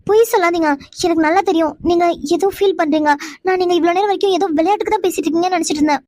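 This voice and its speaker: A woman's voice: extremely high pitch, a little mellow, dry recording. A woman voicing a young woman in a cartoon who argues indignantly with her fiancé. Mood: tender. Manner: indignant, rapid retorts. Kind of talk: cartoon dubbing.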